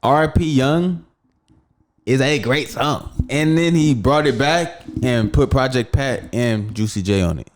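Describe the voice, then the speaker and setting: A man co-hosting a podcast in relaxed casual chat, swearing freely and explaining his views at length. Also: mid-range voice, unhurried. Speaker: podcast co-host.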